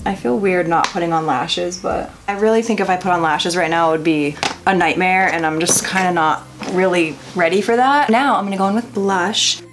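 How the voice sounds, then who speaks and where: A woman's voice: fairly low pitch, normal speed, background noise. A woman in her twenties doing a casual, chatty makeup tutorial, giggly and tipsy, rambling with swearing and self-deprecation. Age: 20s. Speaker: makeup vlogger. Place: home bedroom, indoors. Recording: music playing behind the voice. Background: background music.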